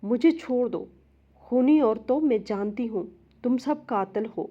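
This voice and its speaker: Frightened young pregnant woman, desperate crying pleas, raised pitch, loud, dull lo-fi sound, woman reading her part. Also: lively intonation. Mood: screaming. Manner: desperate, pleading cries.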